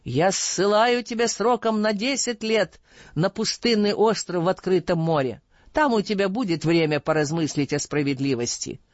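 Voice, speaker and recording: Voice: medium pitch, moderate pace, no room sound, lo-fi sound, natural voice. A reader voicing a stern, just older caliph who questions sharply, in an audiobook. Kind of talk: audiobook reading.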